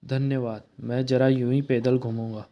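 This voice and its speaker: A man reading a comic book aloud, covering the narration and every character himself. His delivery stays flat and even, with a dark, mellow tone, and he barely changes his voice from one character to the next. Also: medium pitch, moderate pace.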